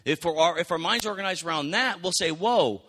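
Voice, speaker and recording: A man preaching a sermon in a conversational, animated way, often acting out quotes. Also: high voice, normal speed. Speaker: pastor.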